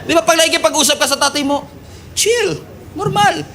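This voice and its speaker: A man with a Filipino accent preaching a sermon as pastor, animated and joking, acting out quotes. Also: extremely high pitch, rapid-fire, heavy background noise.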